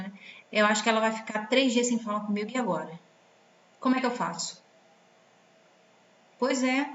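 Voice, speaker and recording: A woman giving relationship advice in a commented reading, full of rhetorical questions and acted-out quotes. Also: a little high. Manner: expressive, rhetorical questions, acts out quoted voices. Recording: roomy, slightly dull sound with faint background noise.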